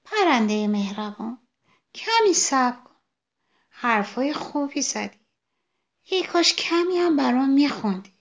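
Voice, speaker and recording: A woman's voice: high-pitched, big pitch swings, long pauses, pitched above the performer's own voice. Woman voicing a sad little sunflower. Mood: pleading. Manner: plaintive, wistful pleading. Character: sad lonely young sunflower, timid and longing.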